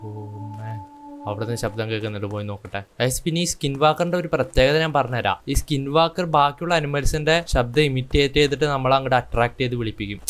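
A man with a Kerala Malayalam accent commentating a horror game for his channel, chatty, shouting in sudden bursts when attacked. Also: medium pitch, fast talker, faint music behind. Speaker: gaming YouTuber. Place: indoors with rain heard outside.

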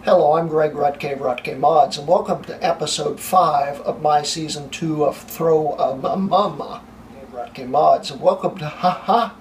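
A young adult host of a tech channel, his voice a bit high-pitched and hoarse, works through a blooper reel of his vlog at an unhurried pace. He's losing his voice and coughing, flustered and laughing at his own slip-ups. A camera mic a few feet away picks him up in a small computer room, with a faint room hiss.

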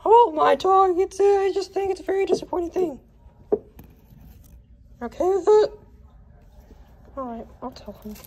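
A woman's voice: very high voice, moderate pace, long pauses, noisy background. A woman in improvised pretend play as a pet owner, scolding her dog in a playful, mock-dramatic way.

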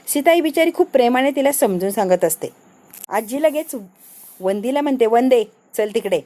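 A woman's voice: sits high, lively intonation, moderate pace, mellow. Female recapper, dramatic storyteller, voices every character herself. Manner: dramatic storytelling, reads all characters' lines. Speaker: serial episode reviewer. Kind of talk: animated episode recap.

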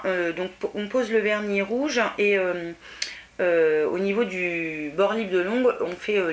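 A woman's voice: medium pitch, a bit bright. A young woman chatting casually through an unboxing, self-deprecating, with many fillers. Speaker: beauty vlogger.

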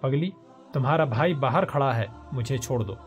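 A man's voice: medium pitch, faint music behind, lightly acted. A man doing a teasing, mischievous young woman. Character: teasing older sister-figure, playful and mischievous.

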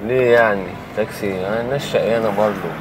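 A man's voice: lowish voice, very fast, music in the background, rough recording. An Egyptian man playing a taxi driver in a hidden-camera prank, pleading and apologizing in a rush. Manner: pleading, apologetic then shouting. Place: inside a car. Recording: street noise from a car.

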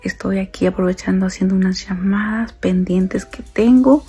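A stay-at-home mom in her thirties vlogs from her kitchen and bedroom, holding her phone at arm's length and chatting casually to viewers she calls "girls." Her mid-range voice is dark and slightly rough, at a moderate pace, with soft music in the background.

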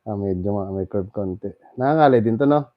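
A man working as a bone setter, calmly coaching a client to relax, breathe in and breathe out. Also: lowish voice, a little fast, no echo, dull audio. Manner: coaxing, repeats calm instructions. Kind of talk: guiding a client through a massage.

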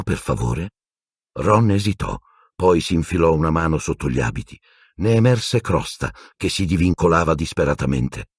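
A man's voice: sits low, slightly rough, no room sound. A man narrating a fantasy audiobook expressively on a close studio mic. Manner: expressive reading, voices each character. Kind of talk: storybook narration.

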